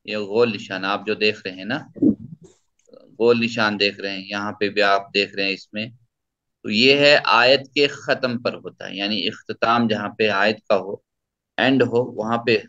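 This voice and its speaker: Male tajweed teacher, patient, repeats himself; bright tone, muffled lo-fi recording. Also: on the low side. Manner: patient, explains and repeats points. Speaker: Quran recitation teacher. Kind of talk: tajweed lesson with recitation.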